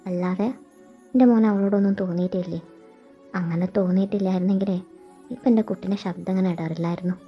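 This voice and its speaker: Brief: woman as a gentle, probing mother, lo-fi recording. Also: on the low side, fairly even intonation, fast, pauses often, close to an everyday voice. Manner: gentle, coaxing, soft-spoken. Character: caring, perceptive middle-aged mother. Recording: dull lo-fi sound. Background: faint background music.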